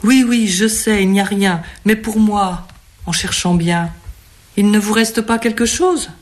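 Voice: mid-range voice, fairly even intonation, measured pace, natural voice. A reader voicing a suave, hungry middle-aged man who coaxes and commands in turn. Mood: coaxing. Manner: coaxing, imperious.

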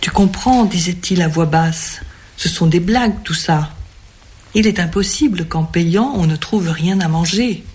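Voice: medium pitch, unhurried, darkish tone, close to an everyday voice. A reader voicing a suave, hungry middle-aged man who coaxes and commands in turn. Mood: coaxing. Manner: coaxing, imperious.

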